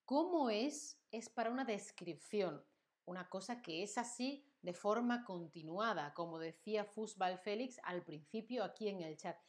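A woman's voice: mid-range voice, animated, measured pace. A woman from Spain with a Spanish accent, teaching a live-streamed language class with acted examples and frequent check-ins.

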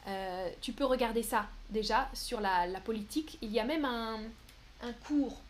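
Woman, high voice, French teacher, live-stream lesson, patient explanations, frequent fillers. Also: slight background noise. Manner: patient, explains slowly with examples and frequent "euh"; playful, laughs at her own mistakes. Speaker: French teacher answering chat questions.

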